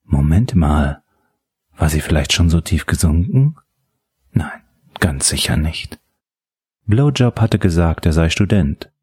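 A man narrating an audiobook in a measured, steady storytelling manner. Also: extremely low pitch, husky, dry recording, clean studio sound.

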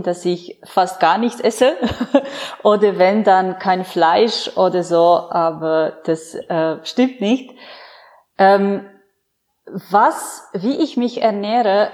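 A woman's voice: medium pitch, slow pace, darkish tone. A woman fitness trainer interviewed as a podcast guest, chatting in an earnest, storytelling way.

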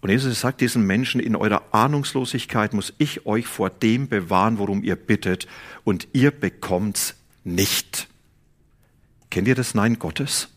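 A man preaching a sermon, emphatic, swinging between loud stresses and hushed moments, addressing a congregation in church. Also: fairly low pitch, measured pace.

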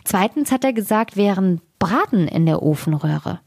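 A woman's voice: medium pitch, expressive, moderate pace, vocal fry, darkish tone, no echo, clean studio sound. A woman voicing a sly little peasant trickster in a storybook tale, speaking in a raised, cheerful tone.

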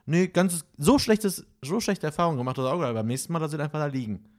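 Speaking quickly in a voice on the high side, this man chats casually on a podcast. His storytelling is animated, and he performs what people said as he goes.

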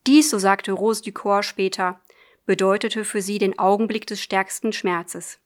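A woman's voice: mid-range voice, fairly even intonation. Woman narrating a literary audiobook, earnestly. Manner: measured, earnest, addresses a friend. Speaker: audiobook reader.

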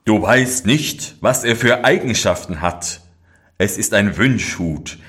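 A man's voice: lowish voice, animated, takes it slowly, fairly bright tone, slightly rough, exaggerated voice. A man voicing two quarrelling giants in a storybook fairy tale, blunt and simple. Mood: quarrelsome.

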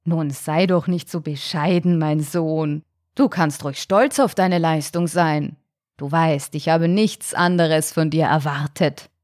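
A woman's voice: deep voice, unhurried, a little mellow, dry recording, studio quality. Woman doing a proud, boastful father shark. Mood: boastful cheerful. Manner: gruff, grumbling, self-assured.

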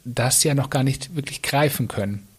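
A man's voice: medium pitch, moderate pace, breathy edge. Guy with a middle voice chatting, lots of ähms, kinda hesitant. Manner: hesitant, many fillers. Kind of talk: casual chat.

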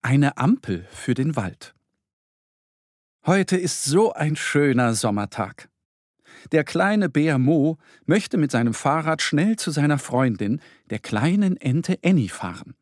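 A man reading a children's story aloud in an expressive, lively scripted narration. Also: on the high side, a little slow, dry recording, studio quality.

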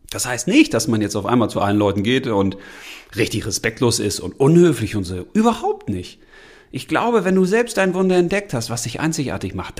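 Husky, lively motivational man. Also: mid-range voice. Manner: casual, slangy, direct address with laughs. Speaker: motivational speaker. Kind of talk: motivational monologue to the listener.

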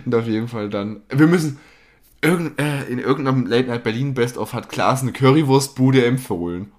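A young man chatting casually, telling a lively anecdote and acting out the people in it. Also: mid-range voice, moderate pace. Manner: animated storyteller acting out dialogue.

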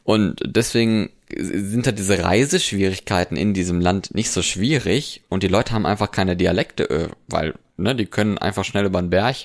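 A man's voice: low voice, moderate pace, hardly any pauses. A German man chatting casually as a podcast co-host, blunt and jokey, laughing often. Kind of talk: casual chat.

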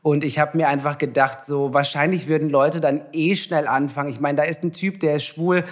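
A young man, a TV presenter, talking casually and reflectively as an interview guest, with many pauses and fillers. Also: fairly high pitch, steady tone.

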